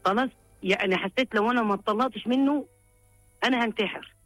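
Faint music plays behind an older woman with an Upper Egyptian accent as she calls seeking advice, emotionally and repetitively pleading about her hardship. Her voice is on the high side and a bit bright, quick-paced, in a dry recording.

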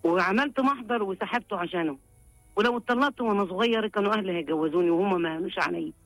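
An older woman with an Upper Egyptian accent phones in for advice, recounting her hardship in a pleading, emotional, repetitive way. Her medium-pitched voice moves very fast over a dry signal with faint music in the background.

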